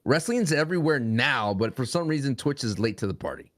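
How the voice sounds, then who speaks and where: A man's voice: medium pitch, expressive, brisk. A young man talking as a podcast guest in a rambling, casual way. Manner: rambling, frequent restarts and fillers.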